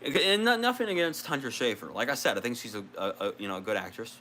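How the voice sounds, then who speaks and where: A man's voice: medium pitch, lively intonation, fast, bright, forceful tone, a little hiss or hum. A man rambling casually on a gaming vlog, restarting sentences and swearing now and then. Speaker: video creator.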